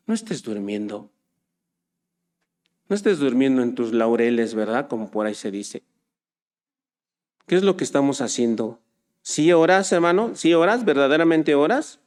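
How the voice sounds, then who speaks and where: A man preaching a sermon, swinging from soft low asides to loud, urgent exhortation. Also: expressive, moderate pace, pauses often.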